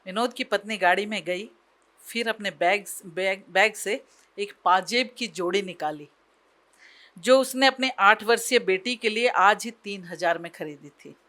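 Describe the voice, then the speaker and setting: A woman telling an emotional story aloud in an expressive, dramatic way, pausing for effect. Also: mid-range voice.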